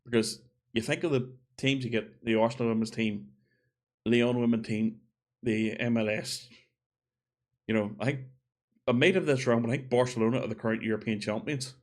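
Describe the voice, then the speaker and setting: A man's voice: mid-range voice, fairly even intonation, moderate pace, pauses often. A man giving a casual opinion monologue, chatty and thinking aloud as he corrects himself. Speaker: gaming video creator.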